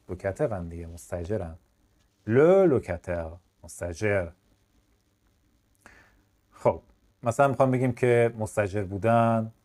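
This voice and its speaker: A man teaching a French vocabulary lesson whose first language is Persian. His pitch moves a lot as he talks to his students. He says French words and sentences slowly and repeats them. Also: a little mellow.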